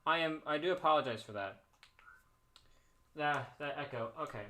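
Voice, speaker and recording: On his livestream, a man with a fairly high, sharp voice and lively intonation chats through stories at a normal speed. His telling wanders, with frequent restarts and repeated phrases, and he adjusts the streaming mic by hand.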